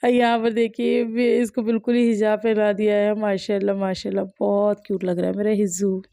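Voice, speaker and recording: A woman's voice: medium pitch, level tone, brisk, creaky, mellow, dry recording, studio quality. A woman from India, a mother chatting casually over her family vlog, wry and self-mocking, laughing often.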